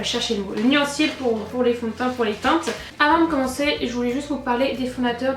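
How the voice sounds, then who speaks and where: A woman with a French accent from France, chatting enthusiastically through an unboxing, her voice thick with a cold and sore throat, as if her tonsils were swollen. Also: fairly high pitch. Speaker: beauty vlogger and cosmetics brand ambassador. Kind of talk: casual chatty unboxing narration. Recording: roomy echo, distant mic, music.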